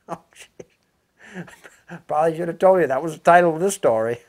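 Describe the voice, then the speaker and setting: A man with a New England accent telling a humorous yarn in a folksy, meandering, drawn-out way, with a creaky voice. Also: a little high, a little mellow. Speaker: storyteller.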